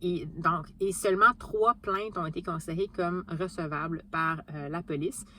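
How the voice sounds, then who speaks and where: A woman's voice: on the low side, fairly even intonation, normal speed, sharp tone, slight background noise. A woman with a Québécois French accent chatting casually about her reading, with many fillers and restarts. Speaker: book vlogger. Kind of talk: casual book vlog chat.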